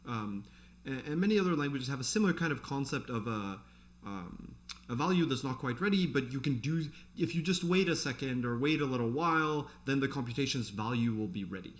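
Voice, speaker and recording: A man's voice: mid-range voice, lively intonation, fairly quick. A man giving an informal programming tutorial, thinking aloud in a conversational way as he explains. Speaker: programming instructor. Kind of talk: informal live coding tutorial, explaining off the cuff.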